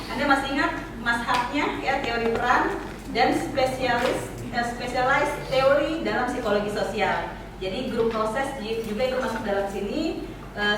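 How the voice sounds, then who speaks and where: Woman lecturing in an echoey room. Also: a little high. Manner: explanatory, asks students questions, many "ya" tags. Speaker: psychology lecturer. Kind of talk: classroom lecture. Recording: echoey room, mic far off, noisy.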